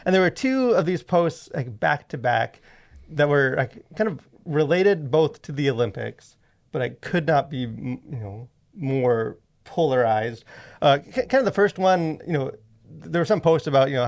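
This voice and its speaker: As a podcast co-host, this man chats casually with a wry, joking tone and wandering tangents. His mid-range voice has vocal fry and moves at a moderate pace.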